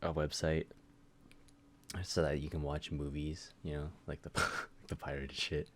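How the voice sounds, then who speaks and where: A man's voice: a bass voice, flat delivery, a little slow, a bit bright, a little hiss or hum. A young man co-hosting a podcast, chatting casually in a rambling way with lots of fillers and swearing. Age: young adult. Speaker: podcast co-host. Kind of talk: casual chat.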